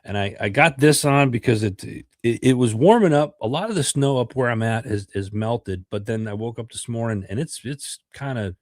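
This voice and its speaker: This podcast livestream features a middle-aged man from the United States who's stuffed up with a cold. He rambles at a moderate pace with few pauses, in a medium-pitched voice, using lots of fillers and repeating himself. There's no room sound, just clean studio audio.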